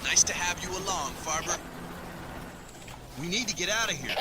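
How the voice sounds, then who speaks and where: A man's voice: sits high, expressive, moderate pace. A man playing an urgent, exclaiming squad soldier in a military shooter game. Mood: brisk. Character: keen squad soldier shouting reports in combat. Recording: loud battle and vehicle noise.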